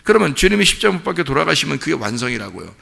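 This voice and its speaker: A man's voice: fairly high pitch, sing-song, rapid-fire, vocal fry, pushed and bright, big-room sound. A male pastor giving an early-morning sermon in a folksy, conversational way, acting out a mother and child in short quoted voices. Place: church sanctuary.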